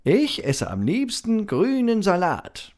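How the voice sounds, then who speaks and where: A reader doing a gentle old turtle. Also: mid-range voice, huge pitch swings, takes it slowly, voice pushed up. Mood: polite. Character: gentle old female turtle, modest and kind. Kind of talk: children's storybook reading.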